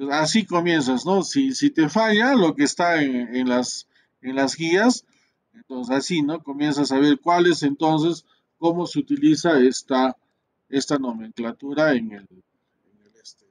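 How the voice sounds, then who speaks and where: A man walks through a networking tutorial at his computer. His voice sits a little high and he speaks slowly, pausing often. He thinks aloud, mutters to himself and keeps checking in with tag questions. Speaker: networking instructor. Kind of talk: screen-recorded tutorial.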